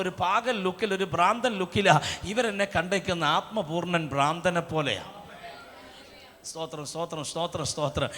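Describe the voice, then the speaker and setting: A man preaching a revival sermon, telling a story and building to fervent shouts. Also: sits high. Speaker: pastor. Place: large outdoor revival meeting hall. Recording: reverberant live event sound.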